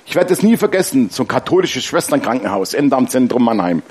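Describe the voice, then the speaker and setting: A man's voice: medium pitch, fast talker, a little hiss or hum. A man preaching a sermon, telling stories with laughter and asking the congregation questions. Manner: lively storytelling with laughs and congregation call-and-response. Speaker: pastor.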